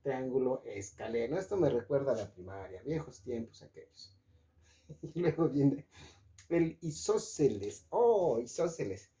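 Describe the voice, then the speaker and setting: A man's voice: fairly high pitch, dark tone. A man teaching a casual online math lesson, joking and checking in with his students as he draws. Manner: chatty, jokey, asks "¿sí?" and "¿ok?" to check in.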